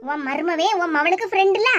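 A woman's voice: extremely high pitch, brisk, fairly bright tone, muffled recording, pitched below the performer's own voice. A woman voicing a meddling old grandmother who tattles in a Tirunelveli Tamil accent. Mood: urgent gossip. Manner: urgent, conspiratorial tattling.

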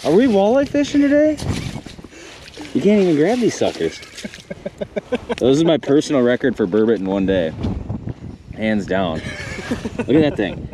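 A young man vlogging his fishing trip outdoors on a frozen lake, talking excitedly and laughing often into an action camera. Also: mid-range voice, normal speed, pauses often. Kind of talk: excited outdoor vlog chat. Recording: outdoor wind noise on camera mic.

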